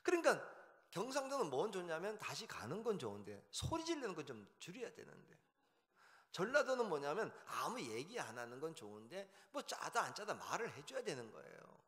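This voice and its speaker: A man preaching at a revival service, humorous and anecdotal, animated as he talks. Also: a little high, a little fast, in a large hall. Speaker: pastor. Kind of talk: revival sermon. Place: church sanctuary.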